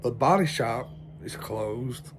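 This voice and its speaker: A man's voice: mid-range voice, expressive, slow, a little hiss or hum. A man venting in a rambling, stressed vlog monologue, sleepless and shivering outdoors in the cold, swearing a lot. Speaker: vlogger.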